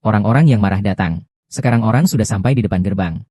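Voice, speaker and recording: A man reading every part of a dubbed drama in a plain, even way. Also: on the low side, fast, no echo, studio quality.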